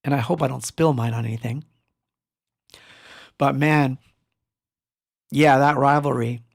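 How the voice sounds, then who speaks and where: A man's voice: medium pitch, steady tone, a little slow, creaky, dry recording, studio quality. A middle-aged man from Argentina hosting a casual livestream, rambling, greeting chat viewers by name and laughing often. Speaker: livestream host. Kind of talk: casual live-stream chat. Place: home studio.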